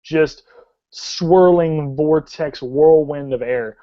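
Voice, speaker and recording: Man, game master, tabletop narration, halting with restarts, slightly high voice, muffled lo-fi sound. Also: warm tone. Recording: dull lo-fi audio.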